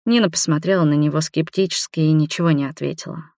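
Even-voiced audiobook narrator, dry sound. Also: male voice, a little high, fast, creaky, dry recording.

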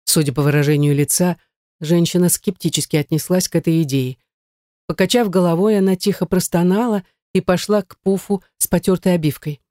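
A woman reading a first-person novel aloud as an audiobook narrator, in a measured, tense storytelling manner. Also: lowish voice, fairly even intonation, dark tone, no echo, studio quality.

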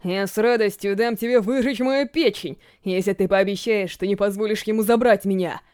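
A woman's voice: medium pitch, fairly even intonation, normal speed, darkish tone, lightly acted. A woman voicing a terrified captive man who pleads and sobs hysterically in an audiobook.

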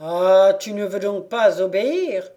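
A woman reading the part of a burly young blacksmith who shouts roughly and threatens, in a storybook reading. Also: high-pitched, slow pace, highs cut off. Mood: furious.

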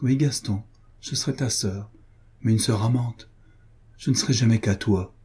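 Man doing a young duchess in love, soft and pleading, still kinda deep and husky. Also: normal speed. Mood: pleading tender.

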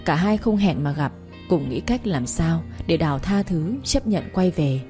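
A woman reading a story aloud in a steady, even narration, voicing each character's lines herself. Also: deep voice, measured pace, soft background music.

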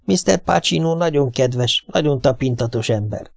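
A man's voice: medium pitch, animated, gravelly, dry recording, studio quality. A man voicing a nervous middle-aged husband who coaxes and reassures his wife, in an audiobook. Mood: coaxing. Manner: coaxing, reassuring, plain.

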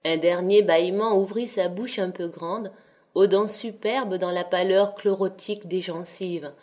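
A woman narrating a classic novel as an audiobook, reading in a measured, even, descriptive way. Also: on the low side. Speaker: audiobook reader.

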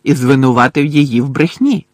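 A man's voice: mid-range voice, fairly quick, no echo, clean studio sound, natural voice. A man voicing a strict older female professor who asks clipped, commanding questions. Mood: stern.

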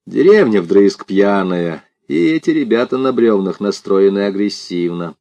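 A composed, worldly man who speaks with measured weight and gives sober warnings, as a male reader voices him. His voice sits low and moves expressively. The sound is close and dry. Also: lively intonation, mellow, no room sound. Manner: measured, admonishing.

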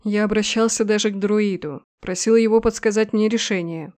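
A woman voicing a furious male general who speaks low and strained, as in a growl, in a storybook reading. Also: fairly even intonation, normal speed, darkish tone, natural voice. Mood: regretful.

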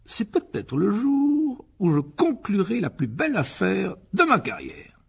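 A man's voice: high-pitched, wildly swooping pitch, unhurried, gravelly, breathy edge, voice pushed up, heavily acted. A man reading an audiobook and voicing a blustering, pompous middle-aged uncle with a raised, bossy voice. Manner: bossy, loud, self-satisfied.

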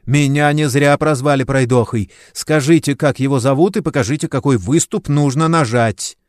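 A man voicing a sly, shouting rogue. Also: medium pitch, normal speed, no echo, clean studio sound, voice pushed up, lightly acted. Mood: urgent. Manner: urgent, loud, commanding. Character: sly rogue adventurer, bold and cornered.

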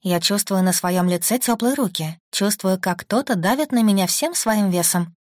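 A woman's voice: mid-range voice, normal speed, dry recording, clean studio sound. A woman reading an audiobook in the first person. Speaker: audiobook narrator.

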